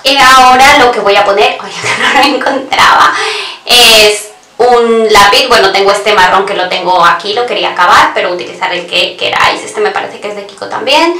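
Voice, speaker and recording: A woman's voice: mid-range voice, normal speed, sharp tone. A woman giving a casual makeup tutorial, chatty and talking straight to her viewers, often stopping to correct herself. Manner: chatty, addresses viewers directly, frequent self-corrections. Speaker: beauty vlogger. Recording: roomy echo, voice somewhat far from mic.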